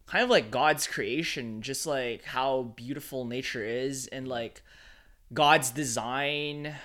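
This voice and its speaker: In a relaxed chat, this man from the Philippines, who works as a photographer, fills his sentences with "like" and "man," speaking in a mid-range, fairly bright voice.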